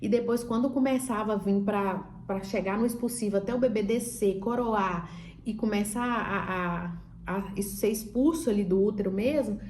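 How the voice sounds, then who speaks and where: A woman's voice: medium pitch, moderate pace, a little mellow, slight background noise. A woman telling a personal story in a casual, chatty way, acting out the dialogue as she goes. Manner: chatty, retells dialogue with many fillers. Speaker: vlogger telling her birth story.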